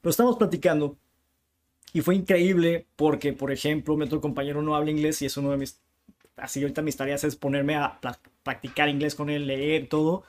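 A man's voice: on the high side, brisk. A man from Tijuana with a northern Mexican accent, a bookshop owner telling stories in a casual interview with slangy asides. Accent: northern Mexican Spanish. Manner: lively storyteller with slangy asides.

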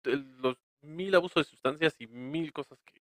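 A talkative man with a Mexican accent, his voice sitting somewhat high. He chats loosely on a podcast, laughing easily and restarting his sentences. The sound is close and dry. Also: normal speed, a bit bright, dry recording. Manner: chatty, laughs often, trails off and restarts. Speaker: podcast co-host. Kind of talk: casual chat.

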